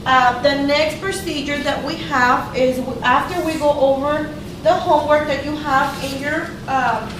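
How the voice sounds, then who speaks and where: A woman's voice: high-pitched, steady tone, a little slow. A woman helping as a kindergarten teacher, explaining things to young children step by step, a little hesitantly. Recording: distant mic, echoey noisy room.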